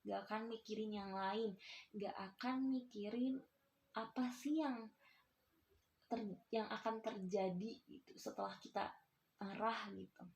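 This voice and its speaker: A woman's voice: mid-range voice, fairly even intonation, unhurried, creaky, long pauses, a little mellow. A young woman, a university student, giving a casual lesson and talking to her pupils as their teacher, with a chatty, explanatory manner and lots of filler tags. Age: young adult.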